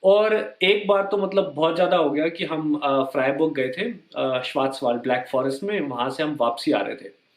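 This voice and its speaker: A man's voice: a little high, moderate pace, echoey room. A young Indian man telling personal stories in a casual, conversational way, slipping English words into his speech and acting out the lines of the people in them. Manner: conversational, mixes in English words, acts out quoted dialogue. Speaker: vlogger. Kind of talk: personal storytelling to camera.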